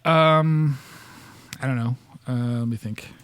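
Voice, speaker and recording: A man's voice: medium pitch, takes it slowly, a bit bright. A man co-hosting a podcast, joking in casual chat and often restarting his sentences. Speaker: podcast co-host.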